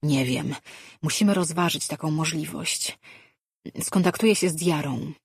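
A man's voice: on the high side, unhurried, creaky, husky, no echo, studio quality, full character voice. An audiobook narrator voicing a cautious male sorcerer who reasons aloud in a thoughtful way.

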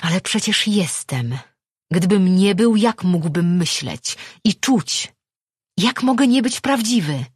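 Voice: mid-range voice, moderate pace, no room sound, natural voice. A narrator voicing a desperate young man. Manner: anguished, pleading, then accusing. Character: desperate young man who is a created being. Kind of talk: audiobook reading.

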